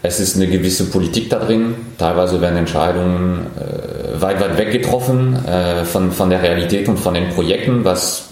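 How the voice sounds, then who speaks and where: A man in his forties from France, speaking German with a French accent, answering interview questions as a startup founder with thoughtful pauses. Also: sits low, a little mellow, heavy reverb. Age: 40s. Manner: thoughtful, many pauses and fillers.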